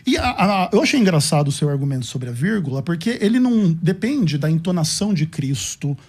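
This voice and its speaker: A man's voice: a little high, sing-song, a little mellow, breathy edge. A man with a Brazilian accent, laying out a formal rebuttal point by point in a debate. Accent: Brazilian Portuguese. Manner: measured, formal, builds his argument point by point. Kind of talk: theological debate.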